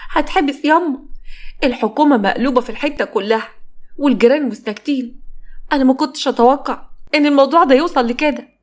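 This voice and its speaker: A guilty, hysterical daughter, voiced by a woman storyteller who wails in panic. Her voice rises high and stays loud, with an Egyptian accent, in a spoken storybook. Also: quick pace, close to an everyday voice. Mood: panicked, wailing. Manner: wailing, panicked.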